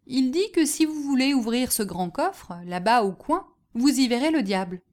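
A woman voicing a cunning poor peasant who tricks others with calm, sly talk. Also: sits high, moderate pace, pitched above the performer's own voice.

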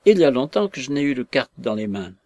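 Dude doing old granny fortune-teller, blunt and slow, dry close sound. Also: male voice, mid-range voice, big pitch swings, darkish tone, no room sound.

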